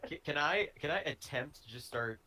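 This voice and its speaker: A man playing a tabletop game, excitable and exclaiming often. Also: on the high side, normal speed. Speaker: player. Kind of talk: casual tabletop play.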